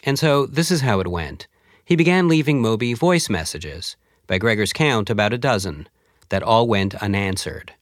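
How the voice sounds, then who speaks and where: A man's voice: lowish voice, expressive, normal speed, no echo, clean studio sound. A man hosting and narrating a story segment, asking curious, probing questions. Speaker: host.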